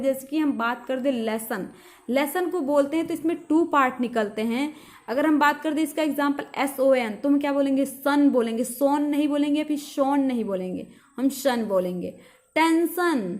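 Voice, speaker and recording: A woman with a high-pitched voice teaches English pronunciation in a patient classroom manner. She spells out each word letter by letter and often pauses to ask her students questions. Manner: spells out letters slowly, asks rhetorical questions. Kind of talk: explaining lesson in Hindi with English words.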